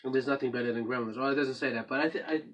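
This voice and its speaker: Joking bright-voiced man, mic far off. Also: medium pitch, racing, lo-fi sound. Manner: joking, rambling, trails off mid-sentence. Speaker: co-host of a movie review show. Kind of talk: casual chat.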